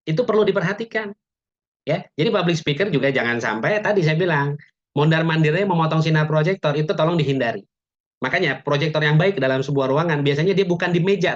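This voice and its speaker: A man teaching public speaking in an online webinar, chatty, with joking asides and frequent "ya" tags. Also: a little high. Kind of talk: webinar lecture. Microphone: video call. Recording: dull lo-fi webinar audio.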